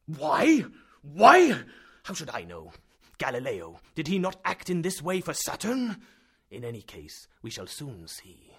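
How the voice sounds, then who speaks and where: A man reading aloud and voicing an excitable elderly male professor who lectures and bursts into loud exclamations. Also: medium pitch, moderate pace, breathy edge. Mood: agitated.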